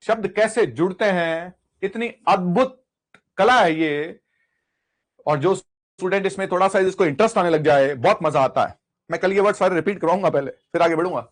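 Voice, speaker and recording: A man's voice: high voice, moderate pace. A man teaching an exam vocabulary lesson, drilling word lists by repetition and asking and answering his own questions. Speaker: English teacher.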